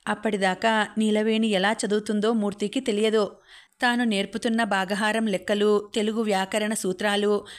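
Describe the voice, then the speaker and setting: A woman reading a novel aloud as audiobook narrator, in steady scripted narration. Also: medium pitch.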